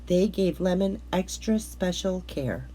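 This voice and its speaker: A woman narrates a children's picture book aloud, telling the story in a measured, expressive way and drawing out her words. Her voice sits lowish, with a faint hiss or hum in the recording.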